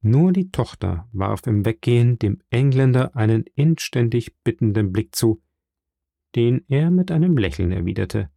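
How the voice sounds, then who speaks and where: Guy reading an audiobook, steady and measured, warm voice, dry close mic. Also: mid-range voice, gravelly, no room sound. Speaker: audiobook narrator. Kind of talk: scripted narration.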